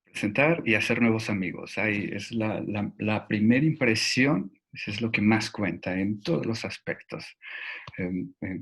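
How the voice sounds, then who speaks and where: A man's voice: on the low side, fairly bright tone, husky. A man teaching a French lesson online, patient and repeating key words. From Mexico.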